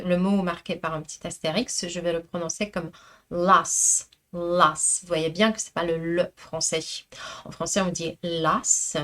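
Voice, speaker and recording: A woman's voice: lowish voice, fairly bright tone. A woman teaching pronunciation in French, carefully repeating and modelling each word. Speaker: Russian language teacher. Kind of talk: pronunciation lesson.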